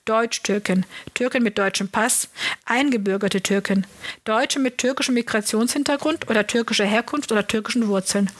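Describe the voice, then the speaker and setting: A woman giving a calm, measured first-person audiobook narration. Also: a little high. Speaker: audiobook reader.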